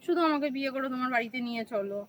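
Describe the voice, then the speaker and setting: A woman playing a bold, self-assured new bride who talks brashly and fast, in a comedy skit. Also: high voice, a little hiss or hum, natural voice, rough recording. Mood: coaxing.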